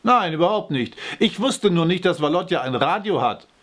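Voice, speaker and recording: A man's voice: high voice, animated, normal speed, fairly bright tone, pitched above the performer's own voice. A man reading aloud, voicing an easygoing, practical male villager in an audiobook. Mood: casual.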